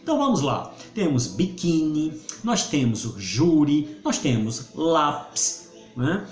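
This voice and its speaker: A man's voice: on the high side, big pitch swings, slow pace, faint music behind. A male Portuguese teacher, giving a video grammar lesson and stretching syllables to make his point. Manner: didactic, stretches syllables for emphasis. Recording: roomy echo.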